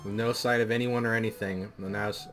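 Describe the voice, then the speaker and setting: A man's voice: lowish voice, fairly even intonation, quick pace, a bit bright, soft background music. A man running a tabletop role-playing game as game master, narrating in a casual, joking way. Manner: casual, laid-back joking.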